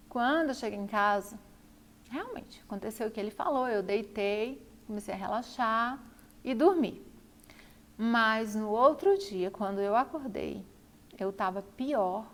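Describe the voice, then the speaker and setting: Woman, fairly high voice, repetitive emphatic storytelling, faint background hiss. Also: measured pace. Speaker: vlogger. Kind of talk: personal storytelling to camera.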